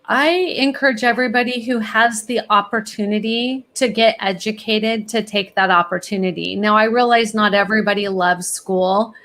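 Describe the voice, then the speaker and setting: A woman's voice: mid-range voice, normal speed, hardly any pauses, fairly bright tone. A woman as a guest expert in a podcast interview, giving upbeat, encouraging advice. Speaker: college planning expert, guest.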